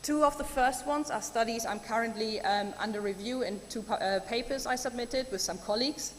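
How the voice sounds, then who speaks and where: A keynote speaker from Germany, her voice a little high and a little fast, addresses a large conference hall in a chatty, enthusiastic way with frequent ums. Hall reverb and faint room noise color the recording.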